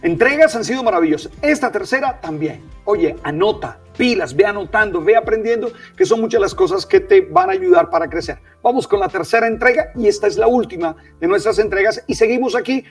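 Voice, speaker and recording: Gravelly, lively man. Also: high-pitched, brisk, few pauses, far from the mic, faint music behind. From Caribbean coast of Colombia. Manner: enthusiastic, repeats words as he talks. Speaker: host. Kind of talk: casual interview chat.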